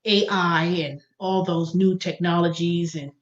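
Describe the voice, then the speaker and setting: This American host in her early fifties speaks in a lowish, steady voice at a measured pace during a casual livestream chat. She rambles and thinks aloud, repeating and revising her words, and the audio is dull.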